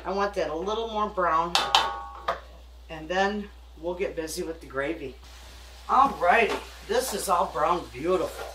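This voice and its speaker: Talking a little slowly in a lowish voice, an older woman, a home cook and cooking show host, gives a casual, folksy demonstration at her stove. Her kitchen chat is homespun and aimed at a camera a few feet away. The recording is echoey and distant, with background noise.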